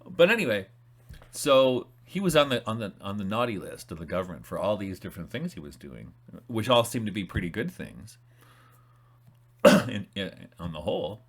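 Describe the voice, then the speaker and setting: A man with a very deep, low-pitched voice talks loosely and conversationally, reading passages aloud from a book along the way. He often restarts his sentences and wanders into asides. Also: big pitch swings, normal speed. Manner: rambling, with frequent restarts and asides. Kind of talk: casual talk with reading aloud.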